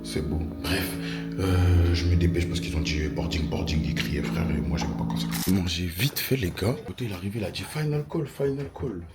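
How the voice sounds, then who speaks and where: Loud music plays behind a deep-voiced French-accented man in his twenties as he vlogs at a moderate pace from an airport lounge. He chats casually and slangily to camera, addressing viewers as "les gars," amid noisy airport ambience.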